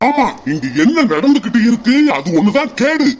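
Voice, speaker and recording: A man's voice: very high voice, very animated, normal speed, very noisy. A man voicing a scolding father in a cartoon comedy dub. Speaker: cartoon voice artist. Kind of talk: Tamil cartoon comedy dubbing.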